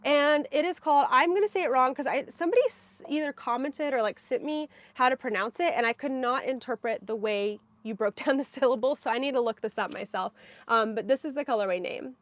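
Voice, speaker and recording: Chatty, giggly woman with a higher voice. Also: brisk, no room sound. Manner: chatty and giggly, with frequent fillers. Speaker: knitting podcast host. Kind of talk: casual live-stream chat.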